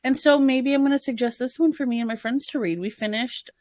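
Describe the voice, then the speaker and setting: A woman's voice: high-pitched, fast talker, a little mellow. Chatty woman podcast host with a sick voice. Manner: chatty, with frequent restarts and self-corrections. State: sick, congested voice. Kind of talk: casual podcast chat.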